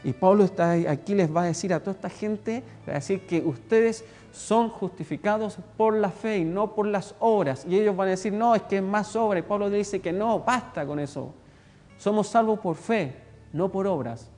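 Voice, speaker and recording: A man's voice: sits high, normal speed, a little mellow, big-room sound, faint music behind. A man with a Chilean accent preaching a sermon, emphatic and repeating words for stress. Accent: Chilean Spanish.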